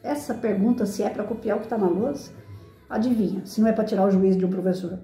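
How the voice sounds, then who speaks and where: A woman with a Brazilian Portuguese accent, a former schoolteacher, giving chatty advice on parenting and the classroom. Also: mid-range voice. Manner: lively, chatty, acts out parents and kids in quick asides. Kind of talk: casual advice talk on parenting and teaching. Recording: echoey room with faint music.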